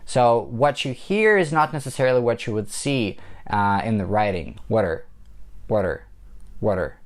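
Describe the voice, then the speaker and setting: Russian accent guy teaching english, says the example phrases over and over slowly. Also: mid-range voice. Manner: slow, repeating example phrases for practice. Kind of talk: language lesson.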